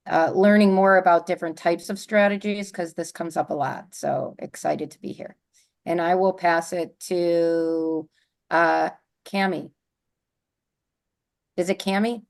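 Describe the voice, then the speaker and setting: A woman greets a video call and introduces herself. She is brisk and friendly. Her voice sits a little low. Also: a little mellow.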